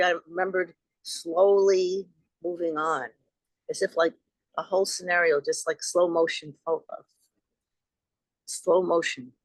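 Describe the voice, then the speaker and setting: A woman's voice: lowish voice, dry recording. An older woman from Long Island, a guest and author recounting personal experiences in an earnest, rambling way over a video call. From Long Island, New York. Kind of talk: storytelling in an interview.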